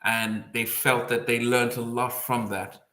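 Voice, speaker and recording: A man hosting a podcast, calmly recounting what others told him in casual chat. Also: medium pitch, measured pace, reverberant. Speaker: podcast host.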